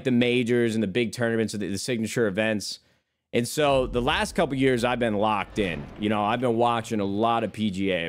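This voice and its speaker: A man in his thirties streaming and chatting off the cuff to his viewers. He wanders between topics in a loose, rambling way, with plenty of swearing. His voice sits at an everyday middle pitch. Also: clear, resonant tone. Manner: rambling, profane, calls listeners brother. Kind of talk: casual chat.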